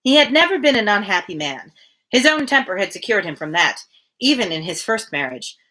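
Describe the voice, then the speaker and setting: In a rough recording, a woman with a mid-range voice reads a classic novel aloud as host of a daily live reading. She sounds very animated, brisk, pushed and bright, and sometimes talks casually.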